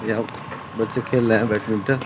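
A young vlogger walks outside on a foggy morning with a handheld phone, casually chatting and pointing out whatever viewers can see. His lowish voice is fairly even in intonation and fairly quick, against clear street noise and passing vehicles.

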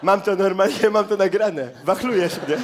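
A comedian playing a flamboyant, eccentric job seeker in a cabaret sketch, theatrical and flirtatious. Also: male voice, sits high, normal speed, very noisy, natural voice. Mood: camp, dreamy. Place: theater stage. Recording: stage recording with loud audience. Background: audience laughter.

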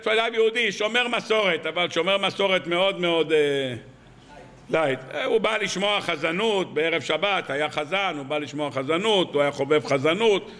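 Rabbi, male, high bright voice, anecdote-driven weekly sermon with rhetorical questions, long hall reverb. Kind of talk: storytelling sermon on the weekly Torah portion. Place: evening lecture hall.

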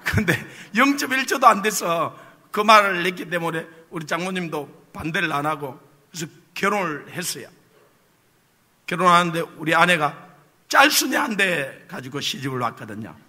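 A man's voice: on the high side, expressive, normal speed, bright, forceful tone. A male pastor preaching a sermon, telling a personal story with humor and tossing rhetorical questions to the congregation. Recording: long reverb of a church hall.

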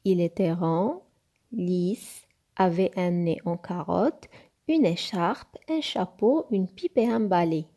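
Slow, mellow woman storyteller. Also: on the low side, lively intonation. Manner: slow, careful, clear. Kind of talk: children's audiobook narration.

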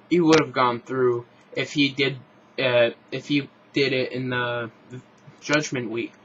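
A man's voice: on the high side, sharp tone, muffled recording, a little hiss or hum. A man rambling frankly through a casual vlog review, restarting and correcting himself as he goes. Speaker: show reviewer. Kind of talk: casual opinionated vlog commentary.

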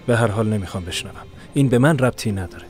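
A cold businessman cuts the conversation short in a lowish, curt voice, as a man dubs him. Faint music runs under the dubbed lines. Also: close to an everyday voice. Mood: dismissive. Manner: curt, dismissive. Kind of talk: Persian dub of a TV series.

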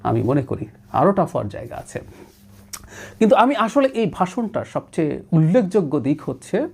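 A male political commentator from Bangladesh, speaking alone on his own show. His pitch swings widely as he stresses his points, and he drifts between languages mid-sentence in an emphatic, analytical way. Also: big pitch swings, moderate pace, gravelly, dark tone, husky. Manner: emphatic, often slips English phrases into his talk.

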